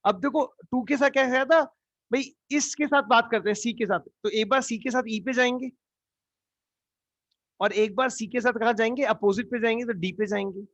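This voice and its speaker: A man's voice: very high voice, moderate pace, fairly bright tone, no room sound. A man teaching a live geometry class, coaxing students with repeated questions. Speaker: math teacher. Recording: dull lo-fi online class audio.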